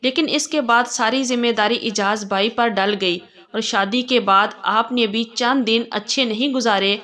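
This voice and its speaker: A playful young blind man, clingy and earnest, talks in a soft, pleading way in a spoken story, as a woman narrator reads his lines. His voice sits on the high side. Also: natural voice. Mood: sad.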